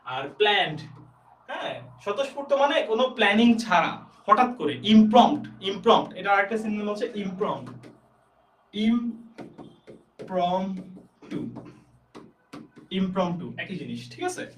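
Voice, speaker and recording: A man's voice: high voice, big pitch swings, brisk, a bit bright, roomy sound, distant mic, a little hiss or hum. A young Bangladeshi man teaching English vocabulary in a live online class, chatty, reading out student comments and spelling words aloud. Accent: Bangladeshi Bengali. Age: young adult. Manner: chatty, reads out student comments and praises them. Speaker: English admission tutor.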